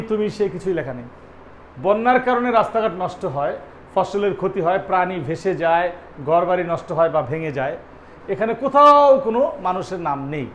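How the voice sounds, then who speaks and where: A man's voice: high-pitched, slight background noise. A man teaching an English lesson, asking and answering his own questions and spelling words out letter by letter. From Bangladesh. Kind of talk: spoken language lesson.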